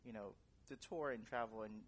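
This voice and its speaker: Young male guest from the Philippines, earnest and thoughtful with pauses, faint rumble behind. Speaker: guest, actor and director. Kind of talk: casual interview.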